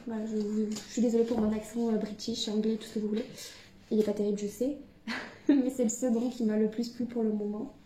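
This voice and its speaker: Mellow-voiced woman chatting in an echoey room. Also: on the high side, level tone, brisk. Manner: hesitant, many fillers and restarts. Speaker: book vlogger. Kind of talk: casual chat to camera.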